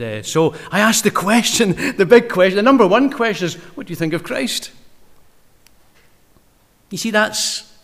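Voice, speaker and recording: Man preaching with loud, impassioned swings. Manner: impassioned, swinging between loud emphasis and quiet low asides; reads verse slowly and deliberately. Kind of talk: sermon.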